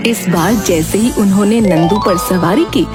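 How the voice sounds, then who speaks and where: A woman's voice: mid-range voice, moderate pace, music in the background. A woman narrator reading a scripted children's cartoon story.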